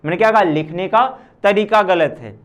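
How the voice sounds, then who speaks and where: A man's voice: sits high, moderate pace. A man teaching a physics class, asking and answering his own questions and repeating points for the students. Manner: addresses students as children. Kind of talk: recorded class lecture.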